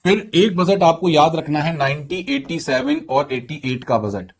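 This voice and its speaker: Male teacher, fairly high voice; drills key points, quizzes the class. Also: lively intonation, measured pace. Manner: repeats points and quizzes students; mixes English terms into Hindi. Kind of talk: exam-prep lecture.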